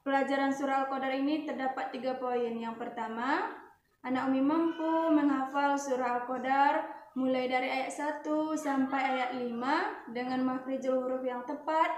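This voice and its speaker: A woman teacher giving an online lesson to children. She talks in a motherly way, with many fillers and self-corrections, and chants Quran verses slowly. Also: high voice, steady tone, echoey room. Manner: motherly, addresses the children as "Nak".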